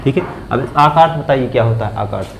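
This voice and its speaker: A man's voice: medium pitch, quick pace, creaky, noisy background. A man teaching grammar, asking a question and then answering it himself, repeating the key words, with phrasing. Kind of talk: classroom-style grammar lesson.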